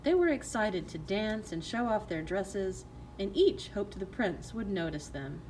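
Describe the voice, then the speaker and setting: A woman's voice: mid-range voice, lively intonation, measured pace, a little mellow, slight background noise, rough recording. A woman narrating a fairy tale in a storytelling style for listeners.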